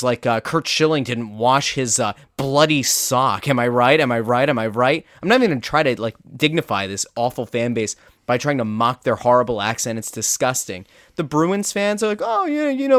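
A man's voice: fairly high pitch, a bit bright, dry recording, studio quality. A man co-hosting a casual sports podcast, ranting in a sarcastic tone.

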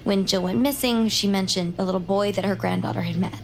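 In an audio drama, a woman voices a driven, inquisitive young crime survivor who lays out facts with intent, urgent emphasis. Her mid-range voice stays fairly even and runs a little fast, with vocal fry. The naturalistic performance is only lightly acted.

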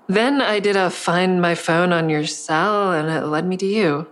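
An actress with a lowish voice speaks at a measured pace, acting lightly in an audio drama. Playing a sleepless, guarded woman, she narrates in first person and delivers dialogue in a confiding, understated way, conveying guarded concern.

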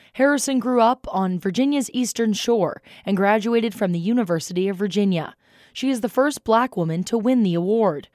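A woman's voice: fairly high pitch, darkish tone, no room sound, clean studio sound. A woman anchoring a radio newscast, reading scripted local news items.

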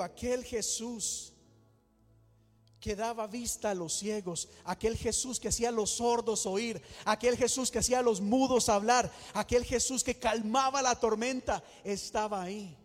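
A male pastor with a high voice preaching in a church. He builds his points dramatically and repeats exclamations for emphasis. A long reverb fills the hall, with faint music underneath. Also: steady tone, unhurried. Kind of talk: sermon.

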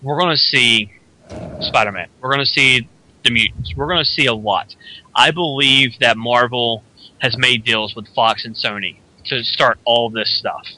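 A man's voice: medium pitch, pushed and bright, slight background noise. A man co-hosting a radio talk show, chatting casually and sharing opinionated predictions. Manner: opinionated, speculative, acts out quick character voices. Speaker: podcast co-host. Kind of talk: casual chat.

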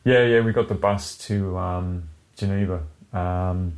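A man with a very deep voice co-hosts a chatty podcast. He talks in a loose, sardonic way, dropping swear words freely. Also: steady tone, unhurried. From Britain. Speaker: podcast co-host. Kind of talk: casual chat.

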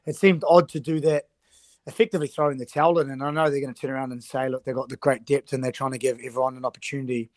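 A man's voice: mid-range voice, level tone, fast talker, dry recording. A man, a rugby coach giving analysis as an interview guest.

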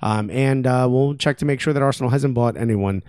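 A man's voice: medium pitch, a little fast, a little mellow, smooth, no echo, clean studio sound. A man co-hosting a podcast, talking casual sports in a joking, hyperbolic way. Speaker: podcast co-host.

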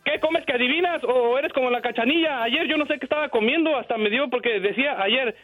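A man on the radio, acting out the characters in a joke and shouting the punchlines. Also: extremely high pitch, fast talker, phone-quality sound, soft background music. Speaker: radio co-host. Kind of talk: animated joke-telling on radio.

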